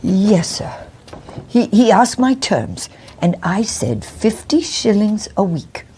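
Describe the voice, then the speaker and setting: A woman's voice: mid-range voice, big pitch swings, slow pace, warm tone, a little hiss or hum. A woman playing a nervous, deferential Victorian landlady in a mystery role-play, with a stammering, frightened manner. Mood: anxious, deferential.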